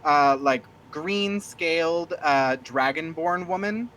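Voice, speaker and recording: A man's voice: a little high, slow, a bit bright, slight background noise, low-quality recording. A man narrating a tabletop game as game master, rambling with many fillers. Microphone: streaming mic.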